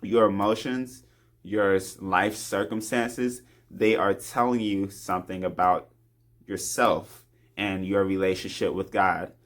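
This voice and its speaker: A man in a confessional devotional talk to camera, earnest and open about his faith. His voice sits on the low side and he breaks into soft laughs between thoughts. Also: steady tone, measured pace.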